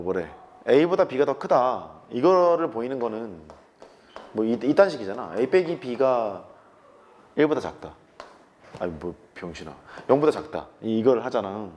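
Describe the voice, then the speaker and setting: Man in his 30s, brash classroom math teacher, swings his pitch widely, needles students with casual swearing. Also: a little mellow. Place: classroom with chalkboard.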